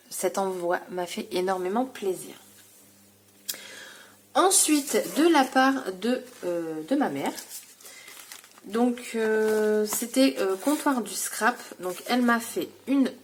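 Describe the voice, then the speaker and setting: Casual hobby vlogger, woman from France, mid-pitched, rambling with fillers, light hiss behind. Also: darkish tone. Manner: chatty, hesitant, many fillers. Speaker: scrapbooking vlogger. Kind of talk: casual show-and-tell vlog.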